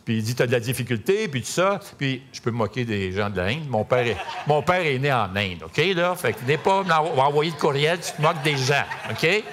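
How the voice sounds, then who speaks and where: A man's voice: medium pitch, expressive, normal speed, few pauses, background noise. A middle-aged man with a Québécois French accent preaching a sermon in a conversational, storytelling way with many fillers. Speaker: pastor.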